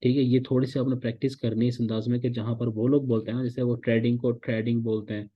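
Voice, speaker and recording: A man from Pakistan leads an online class for interns in a plain mid-pitched voice. He explains patiently and keeps checking in with his listeners. The recording is dull and lo-fi. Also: little pitch movement, fast. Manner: explains patiently, repeats "ठीक है" often, mixes English phrases. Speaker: instructor teaching interns. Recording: dull lo-fi sound.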